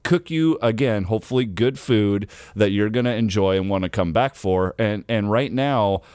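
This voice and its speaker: A man's voice: lowish voice, normal speed, darkish tone, clear, resonant tone, no echo. A man hosting a podcast in casual chat, telling rambling anecdotes with many restarts. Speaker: podcast host.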